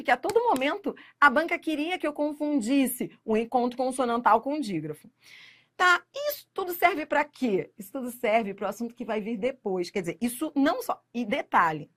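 A woman with a Brazilian accent gives a grammar lesson aimed at exam takers, her voice sitting a little high for a woman. She speaks directly to the viewer, drawing out the key words slowly and then hurrying through the explanations around them. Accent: Brazilian Portuguese. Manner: emphatic, drawn-out stressing of key words, direct address to the viewer. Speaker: Portuguese grammar teacher. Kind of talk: exam-prep lecture to camera.

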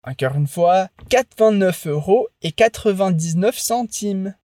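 A French teacher gives a language lesson, modeling phrases slowly and carefully so the listener can repeat them. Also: mid-range voice, lively intonation, warm tone, no echo, studio quality.

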